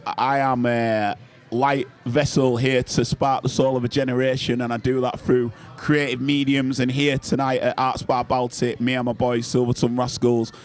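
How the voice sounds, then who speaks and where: A man with a Bradford Yorkshire accent, a musician guest on a podcast, talking in an animated, slangy way and swearing casually. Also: medium pitch, normal speed. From Yorkshire, England. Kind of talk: casual chat. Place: venue bar.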